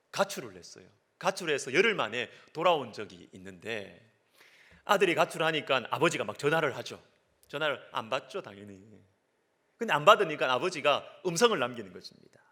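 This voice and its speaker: A male pastor preaching a sermon, asking the congregation questions and swinging from hushed whispers to raised, emphatic peaks. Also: mid-range voice, big pitch swings, normal speed. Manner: asks the congregation direct questions.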